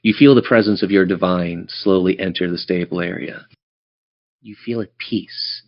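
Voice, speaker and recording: With a low-pitched, steady voice at a moderate pace, a man runs a tabletop RPG, painting each scene with theatrical, descriptive narration. He is the game master, and the recording comes across dull and lo-fi.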